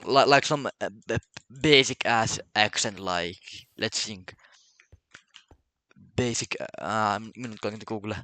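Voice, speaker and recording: Speaking slowly in a fairly low, pushed, bright voice, this vlogger from Finland addresses the camera on his own. Finnish is his first language and he has a Finnish accent, and he chats casually while stammering and repeating words along the way.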